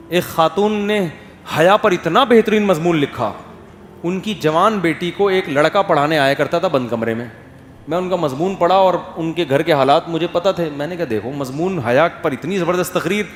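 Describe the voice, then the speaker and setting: Animated man preaching in an echoey hall. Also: fairly high pitch, slight background noise. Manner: animated, rises to emphatic questions, drops to soft quotes. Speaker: Islamic scholar giving a talk. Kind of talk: sermon. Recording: echoey hall with faint ambience.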